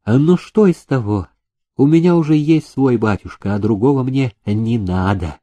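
Guy doing a cheeky young village girl, sing-songy and calm, lifts his voice up. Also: mid-range voice, moderate pace, lo-fi sound, natural voice. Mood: teasing. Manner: playful, sing-song and calm.

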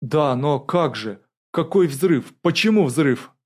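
A man's voice: mid-range voice, unhurried, a little mellow, natural voice. A man voicing a bewildered male general who hesitates in confusion.

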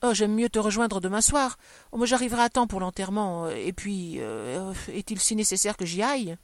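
A woman reading aloud, voicing an impulsive, nervous bourgeois wife who pleads and exclaims in a raised, higher voice. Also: moderate pace, no echo, natural voice. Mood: insistent. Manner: excitable, pleading, higher and louder than the narration.

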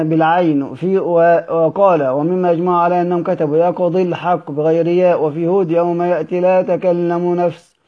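Man reading a classical text, lo-fi. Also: high-pitched. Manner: measured reading with slow, drawn-out recitation of quoted verses. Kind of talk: recorded study session reading. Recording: dull lo-fi recording.

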